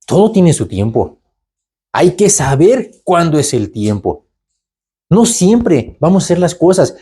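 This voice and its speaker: A man's voice: fairly high pitch, very animated, unhurried, warm tone, breathy edge. A man teaching the Bible conversationally, asking rhetorical questions and tagging lines with "¿verdad?". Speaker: preacher.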